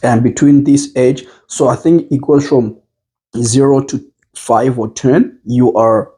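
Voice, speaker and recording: A man with a mellow, somewhat husky voice leads a casual discussion about parenting. He speaks in a measured way, thinking out loud and circling back on his phrasing with ums and restarts. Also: mid-range voice, steady tone, poor audio.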